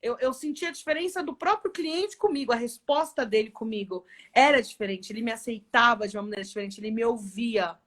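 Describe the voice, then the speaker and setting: Woman executive, interview guest; lively storyteller, slightly high voice. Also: a little fast, hardly any pauses. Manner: lively storytelling with frequent tag questions. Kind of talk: casual live interview chat.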